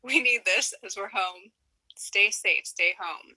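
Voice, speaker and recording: A woman's voice: medium pitch, slow, pushed and bright, slightly rough, dry recording, poor audio. A woman chatting casually on a live video call as a guest, laughing often and talking with lots of fillers.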